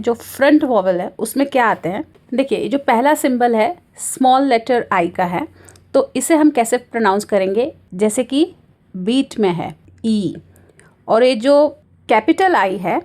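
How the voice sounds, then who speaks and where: A woman teaching a lesson on vowels, mixing Hindi explanation with careful, drawn-out English examples and modelling each vowel sound. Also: fairly high pitch, dark tone. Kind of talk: lecture explaining phonetics.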